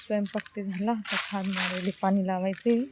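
A woman's voice: medium pitch, fairly even intonation, fairly quick, very noisy. A woman, chatting matter-of-factly through a casual farm vlog, recorded outdoors on a phone. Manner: chatty, matter-of-fact, talks to her child while walking. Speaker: vlogger, farm mother.

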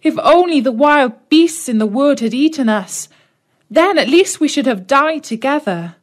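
A frightened little girl from a storybook, small and tearful, pleading in a high, wavering voice, as a woman reading the tale puts her on. The pitch sits well above an adult's, drawn out and swooping. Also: very animated, normal speed, slightly rough.

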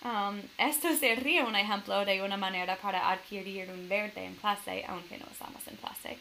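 A woman's voice: medium pitch, normal speed, creaky, sharp tone, slight background noise, rough recording. A woman teacher reading a storybook aloud to her students and stopping to explain grammar carefully, with fillers along the way. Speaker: Spanish teacher.

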